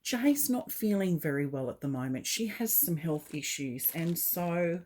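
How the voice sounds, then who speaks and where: A low-pitched woman talks slowly and softly, filling her pauses with gentle ums. She hosts a doll collecting vlog, chatting through an unboxing in a halting, heartfelt way. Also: lively intonation, a little hiss or hum. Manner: gentle, halting, with frequent fillers. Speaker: doll collecting channel host.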